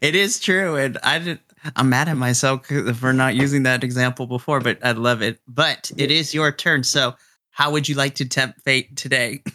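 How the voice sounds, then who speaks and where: Brief: male dungeon master, bright tone, animated, laughs a lot. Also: mid-range voice, moderate pace. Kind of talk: narrating a tabletop game.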